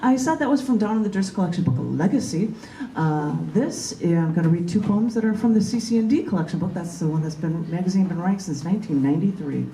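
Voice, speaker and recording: A woman on the low side of pitch reads her poetry and chats casually, talking quickly with few pauses in an expressive, dark tone. It's an indoor open mic at a large bookstore, with slight background noise, an echoey room, and a distant microphone.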